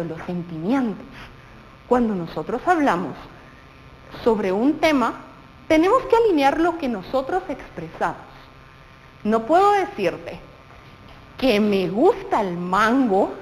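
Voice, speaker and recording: A woman with a Guatemalan Spanish accent teaches children on TV, her voice fairly high and full of movement. She speaks slowly and expressively, putting questions straight to the viewer. A light reverb and faint hiss sit behind her. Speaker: primary school teacher. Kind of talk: television lesson for children. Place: TV studio.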